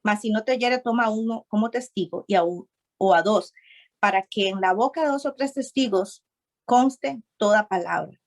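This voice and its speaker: A woman's voice: mid-range voice, moderate pace. A woman preaching a sermon, reading scripture aloud and stopping often to urge her listeners to repeat and underline the verses.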